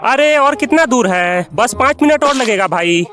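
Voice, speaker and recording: A man voicing every character in a comedy sketch, with loud exclamations and scolding banter. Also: very high-pitched, expressive, moderate pace, background noise. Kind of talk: comic sketch dubbing, all characters.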